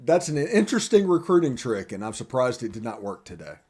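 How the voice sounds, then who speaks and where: A man's voice: medium pitch, big pitch swings, a little fast, darkish tone, breathy edge. A man hosting a college football podcast in casual chat, joking with loose run-on sentences. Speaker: podcast host.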